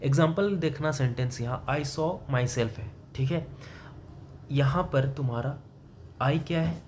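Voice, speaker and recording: A man's voice: medium pitch, a little slow, a little mellow, slight background noise. A man teaching English grammar to a student, explaining in Hindi with English terms and asking questions that he often answers himself. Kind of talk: classroom grammar lesson.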